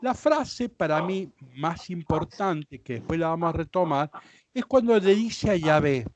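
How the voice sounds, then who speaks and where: Casting: Rioplatense priest leading a Bible class, high animated voice, slow patient delivery, dry close sound. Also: male voice, dry recording. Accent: Rioplatense Spanish. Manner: explanatory, frequent checks like ¿sí? and ¿ven?.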